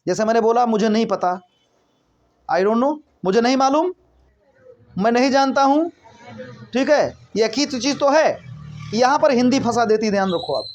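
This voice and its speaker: A man's voice: extremely high pitch, moderate pace, long pauses, a little mellow, dull audio. A man teaching a spoken English lesson, asking questions and answering them himself, often checking that listeners are following. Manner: explains by asking and answering his own questions; repeats points, checks in with listeners.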